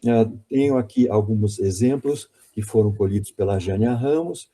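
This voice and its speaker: Dark-voiced man giving a hesitant lecture. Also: on the low side, normal speed, husky. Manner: hesitant, repeats words, self-correcting. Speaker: linguistics lecturer. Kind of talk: academic conference lecture.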